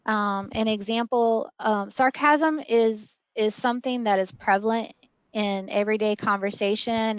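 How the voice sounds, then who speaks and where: This online training session features an early learning trainer, a woman coaching preschool teachers through warm, classroom-based examples. She has a medium-pitched, clean voice. The recording sounds dry, dull, and lo-fi.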